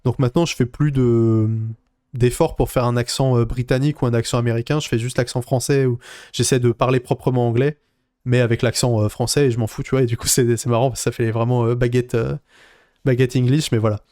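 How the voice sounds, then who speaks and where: Guy rambling on about his tournament run on stream, smooth voice, answers chat, dry close mic. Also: medium pitch, a little fast, no echo. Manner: rambling, animated, reads viewer chat aloud. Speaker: card game player recapping a tournament. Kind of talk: casual live-stream chat.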